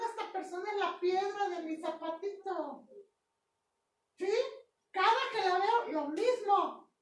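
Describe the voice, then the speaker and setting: A woman pastor preaching a sermon, repeating phrases with emphasis, checking in with the congregation and sometimes drawing words out in a sung cadence. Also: very high-pitched. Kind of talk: sermon with personal testimony. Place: church sanctuary. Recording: echoey church hall, mic far off.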